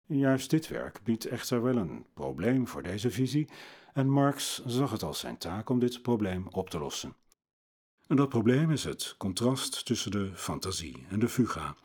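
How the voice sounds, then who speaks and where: A man narrates a scripted talk on classical music in a measured, lecturing manner. His voice sits low and sounds slightly husky, and his pitch moves in wide, expressive curves. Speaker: podcast presenter on music.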